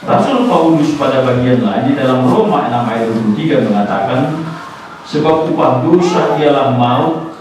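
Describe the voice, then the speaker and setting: A man's voice: medium pitch, lively intonation, noisy background. Guy preaching a sermon in a big echoey church, mic far off, leans hard on key words. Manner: preaching with rising emphasis, slows on key words; mixes in English phrases. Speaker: pastor. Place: church sanctuary.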